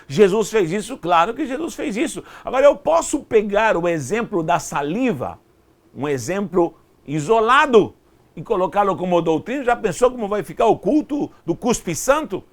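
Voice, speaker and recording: Male Bible teacher, high gravelly voice, emphatic lecture with rhetorical questions. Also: animated, normal speed. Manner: emphatic, repeats himself, asks and answers rhetorical questions. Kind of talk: online Bible study lecture.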